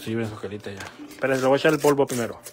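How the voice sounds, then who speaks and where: Filming indoors on a handheld phone, a man runs a casual livestream in a small house's kitchen and living room, coaxing viewers with brief questions and instructions. He talks very fast at medium pitch over music, and the phone recording from the kitchen is noisy.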